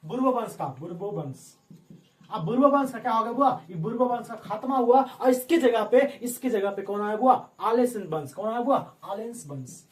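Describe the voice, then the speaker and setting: A man's voice: very high-pitched, lively intonation, normal speed. A man teaching history to a classroom of students. He keeps asking and repeating his own questions in a call-and-response way. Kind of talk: classroom lecture.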